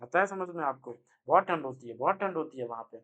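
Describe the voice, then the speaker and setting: A young man giving an energetic online chemistry lecture, speaking loudly and constantly quizzing his students with quick rhetorical questions. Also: a little high, lo-fi sound. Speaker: chemistry teacher. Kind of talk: online exam-prep lecture.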